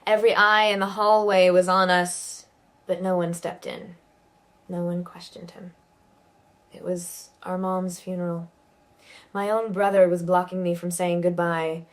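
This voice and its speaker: A woman narrating a first-person story in a measured, subdued way. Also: fairly low pitch, flat delivery.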